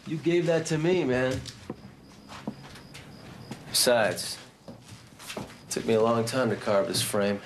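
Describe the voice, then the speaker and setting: An actor playing a laid-back, playful boyfriend in a naturalistic TV film. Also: male voice, medium pitch, animated, takes it slowly, long pauses. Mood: protesting. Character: laid-back, playful boyfriend attached to his handmade things. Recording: noisy film soundtrack.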